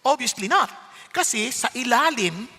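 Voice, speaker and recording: A man from the Philippines, a pastor preaching a sermon, switching between Tagalog and English with animated, humorous storytelling. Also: very high voice, measured pace, big-room sound.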